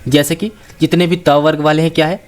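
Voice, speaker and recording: A man's voice: on the high side, flat delivery, brisk. A man teaching a lesson on the alphabet, asking questions and answering them himself, and sounding out single letters with care. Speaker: Hindi teacher. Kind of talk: explanatory lesson.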